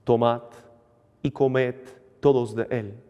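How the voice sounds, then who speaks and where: A man priest celebrating Mass, reciting the liturgical prayers in a measured, solemn way, his voice ringing with cathedral echo. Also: medium pitch, fairly even intonation, dark tone, clean tone, lo-fi sound. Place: large church. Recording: long church reverb.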